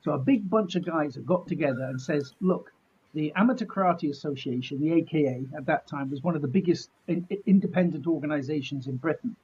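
A man's voice: on the high side, brisk, darkish tone, slightly rough, dull audio. A middle-aged man, telling anecdotes in casual chat in a jokey, self-deprecating, mildly sweary way. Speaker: martial artist being interviewed.

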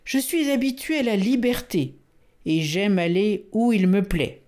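A woman's voice: mid-range voice, expressive, a little slow, a little mellow, close to an everyday voice. A woman voicing a cheeky, freedom-loving boy in a storybook, defiant and offhand.

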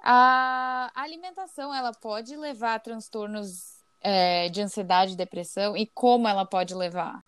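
A woman's voice: medium pitch, measured pace, hardly any pauses, fairly bright tone, clear, resonant tone, dry recording. A young woman hosting an interview, asking questions and answering with short affirmations. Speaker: host, project coordinator.

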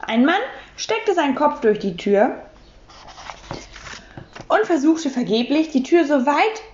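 A woman reading a children's book aloud in a lively, expressive way. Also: sits high, takes it slowly, slight background noise. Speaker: storyteller. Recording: dull echoey room.

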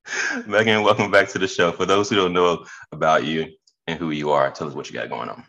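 A man's voice: low-pitched, fairly even intonation, brisk, pushed and bright, dull audio. A hungover man hosting a podcast in loose, slangy, profane, rambling casual chat. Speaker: podcast host.

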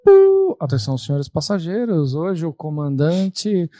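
A man's voice: fairly high pitch, wildly swooping pitch, dark tone, dry recording, clean studio sound. A man putting on a pilot's cabin intercom announcement. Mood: mock formal. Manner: mock intercom announcement, slow and formal. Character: male airline pilot making a cabin announcement.

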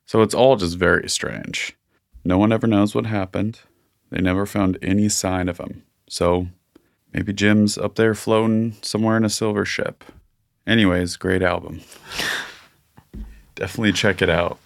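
A man's voice: on the low side, fairly even intonation, moderate pace, gravelly, no room sound, studio quality. A man co-hosting a podcast, chatting casually and a bit rambly, with lots of "like" fillers. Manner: rambling, many "like" fillers, enthusiastic. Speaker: podcast co-host. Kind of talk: casual chat.

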